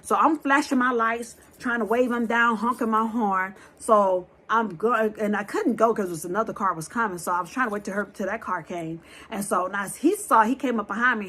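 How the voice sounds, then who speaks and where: A woman telling a scary true story to her viewers in a lively, blunt way, talking straight to them and swearing freely. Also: medium pitch.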